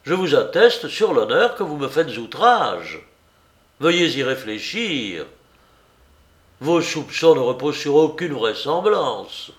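A man's voice: a little high, very animated, slow pace. A man playing an ardent, proud young nobleman. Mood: pleading calm. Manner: earnest, impassioned pleading.

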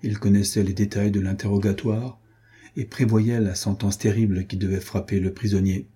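A man reading a historical novel aloud in a measured, even storytelling manner. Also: lowish voice, breathy edge. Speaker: audiobook narrator.

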